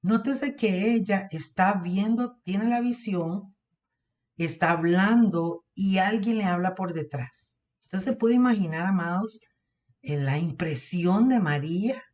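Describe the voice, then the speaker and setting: A woman's voice: on the low side, slow, a little mellow. A woman with a Costa Rican accent teaching a Bible class, reading verses aloud and explaining them while calling her listeners beloved. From Costa Rica.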